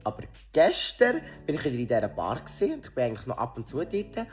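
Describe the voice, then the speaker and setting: A young adult with a Swiss German accent tells a personal story straight to camera in a lively, casual way. They act out both people in the conversation, shifting between voices. When indignant, the pitch leaps up sharply. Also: fast, soft background music. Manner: animated, acts out both sides of the dialogue, voice leaps up when indignant.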